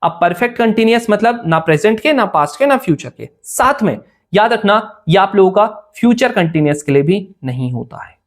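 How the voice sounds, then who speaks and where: A young man teaches English grammar for an exam in casual Hindi mixed with English, chatty and often asking "clear?" to make sure students are following. His voice is high and expressive, at a moderate pace.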